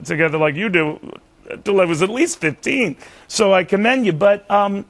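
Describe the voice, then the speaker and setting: A man's voice: high voice, vocal fry. A man hosting a television interview in a conversational broadcast style, often backtracking and repeating his words. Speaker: TV news interview host.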